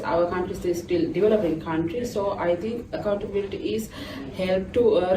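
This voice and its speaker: A young woman, speaking on a student panel in careful, halting phrases. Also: medium pitch. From Sri Lanka. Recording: echoey auditorium, distant mic, noisy.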